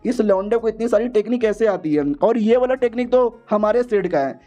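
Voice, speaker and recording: A man's voice: high-pitched, lively intonation, fairly quick, dark tone, pitched above the performer's own voice. A man voicing an arrogant young male villain who taunts and insults. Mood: taunting, baffled.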